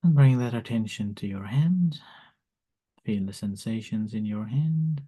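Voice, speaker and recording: A man, a monk teaching meditation, gently leads a calm grounding exercise in slow, soft instructions with long pauses. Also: lowish voice, slightly rough.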